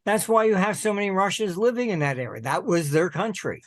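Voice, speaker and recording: An older American man being interviewed as a guest, who talks in a halting, digressive way and often clears his throat. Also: high-pitched, no echo. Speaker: guest, market analyst. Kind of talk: conversational interview.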